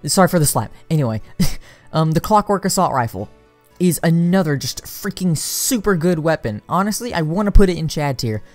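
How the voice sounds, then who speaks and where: A tired-sounding gaming creator talks loosely through a tier list, stumbling over restarts and fillers before getting suddenly excited. The pitch sits in an ordinary middle range, and soft music plays faintly underneath. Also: moderate pace. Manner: rambling and filler-heavy, with restarts and bursts of excitement. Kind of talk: casual tier-list commentary.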